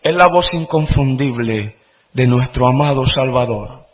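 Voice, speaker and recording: In a low-quality recording, a man delivers a sermon with emphasis and deliberation, repeating phrases and alternating between loud exclamations and quiet, low passages.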